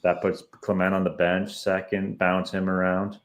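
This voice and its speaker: A man's voice: deep voice, flat delivery, normal speed. A man with a Canadian accent co-hosting a podcast, giving confident, opinionated baseball analysis. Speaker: podcast co-host. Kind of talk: casual sports analysis.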